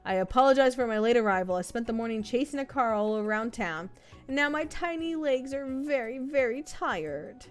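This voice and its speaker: Woman doing a small male dog professor, fussy, polite, lecturing, bouncy high voice. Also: lively intonation, normal speed, smooth, soft background music, natural voice. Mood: apologetic.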